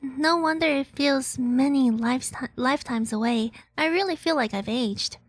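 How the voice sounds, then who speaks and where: A woman reading a high, wistful young heroine. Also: normal speed, dry recording.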